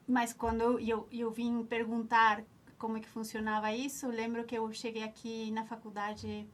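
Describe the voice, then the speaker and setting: A nutritionist in her forties from Ecuador, a native Spanish speaker with an Ecuadorian accent, looks back on her story as an alumna guest in an interview. Her voice is a little high and monotone at a normal pace, and she often restarts while searching for words.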